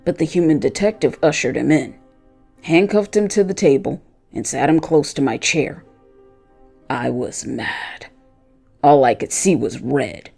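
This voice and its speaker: Speaking in the first person, a narrator gives voice to a loyal dog bent on revenge, his mid-range tone gravelly yet soft-edged. The phrasing is deliberate and dramatic, laid over faint music, and the mood is angry and vengeful.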